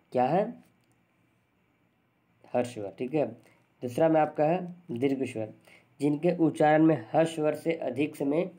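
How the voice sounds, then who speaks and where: A man's voice: medium pitch, mellow. A man teaching grammar to exam students, asking questions and answering them himself, often repeating definitions. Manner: asks and answers his own questions; repeats definitions, says "thik hai" often. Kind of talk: Hindi grammar lesson.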